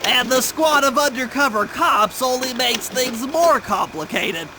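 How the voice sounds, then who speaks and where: A male cartoon game voice plays a nerdy turtle mastermind, very high-pitched and nasal, briefing a heist with fussy precision over clear background music. The delivery is cautious, earnest, expressive, measured in pace, and analytical in mood.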